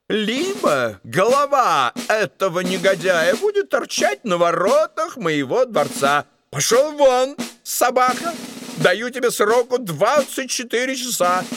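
A man voicing a hot-tempered, boastful duke who shouts threats at his cook. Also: on the high side.

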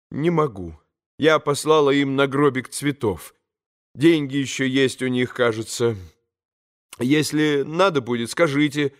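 Hushed tormented proud woman, read by a man. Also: medium pitch, close to an everyday voice. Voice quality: hushed, half-whispered. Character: proud young woman, tormented and self-punishing. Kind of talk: audiobook character reading.

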